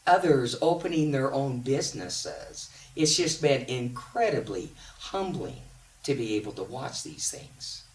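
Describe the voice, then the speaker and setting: A woman presenting a guided imagery program, teaching slowly and deliberately with long pauses. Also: low voice, husky. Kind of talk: slow, calm teaching.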